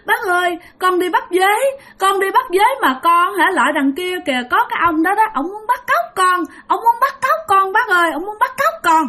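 A woman's voice: very high voice, big pitch swings, brisk, sharp tone, voice pushed up, full character voice. A woman voicing a frightened young boy pleading with his uncle in a spoken ghost story.

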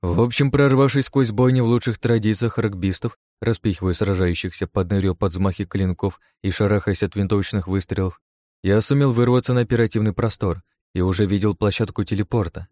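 Deep, dark-voiced male narrator. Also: fairly even intonation, brisk, dry recording. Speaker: audiobook narrator. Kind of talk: first-person scripted narration.

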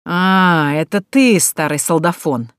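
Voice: mid-range voice, animated, moderate pace, no room sound, studio quality, natural voice. A reader voicing a coarse, sneering nobleman who barks insults in an audiobook. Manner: spiteful, barking insults. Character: brutal sneering nobleman, a grown man. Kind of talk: audiobook character voice.

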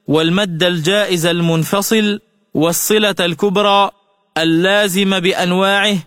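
High-voiced man teaching tajweed on radio. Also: a bit bright, no echo, studio quality, big-room sound. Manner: measured explanatory delivery, stretching chanted example words. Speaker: Quran recitation teacher.

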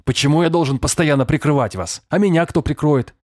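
Guy doing a stout police colonel yelling sarcastic, voice pitched way up, loud, dry close audio. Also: a little fast, no room sound, natural voice. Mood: raging. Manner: bellowing, sarcastic scolding. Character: furious stout middle-aged male police lieutenant colonel.

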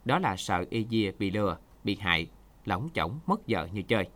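A man voicing an anxious, devoted Hmong highland husband who cries out loudly, in a storybook reading. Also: big pitch swings, moderate pace. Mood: earnest. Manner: loud, emotional, cries out.

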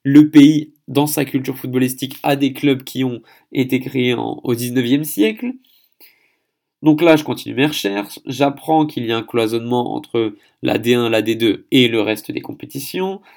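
Solo podcast host, male, from France, mid-range voice with some grit, talks in a chatty, halting way. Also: mid-range voice, creaky, darkish tone. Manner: chatty, hesitant, stumbles on foreign names.

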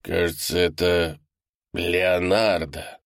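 A man's voice: level tone, slow pace, dry recording, studio quality. Man playing a tense, frightened archaeologist. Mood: hushed tense. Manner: tense, low-voiced.

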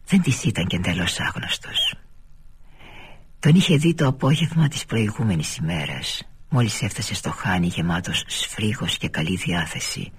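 Husky low-voiced male narrator. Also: expressive. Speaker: reader of a novel. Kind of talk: literary audiobook narration.

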